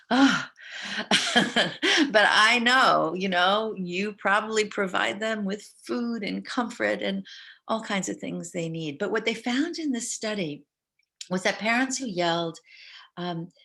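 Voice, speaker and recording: A woman's voice: medium pitch, unhurried, vocal fry. An older woman speaking as a parenting educator on a video call webinar, talking in a conversational way and often quoting what parents and kids say. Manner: warm conversational, quotes herself and others. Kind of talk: online parenting webinar talk.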